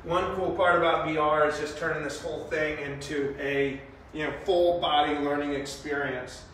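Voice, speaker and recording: Man, 30s, casual demo presenter, slightly high voice, loose chatty delivery, recorded far off in an echoey small room. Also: fairly even intonation, moderate pace, fairly bright tone, slight background noise. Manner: chatty, loose, many fillers while moving in VR headset. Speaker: sales presenter demonstrating VR training. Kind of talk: casual product demonstration. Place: small carpeted-floor training room indoors. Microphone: far camera.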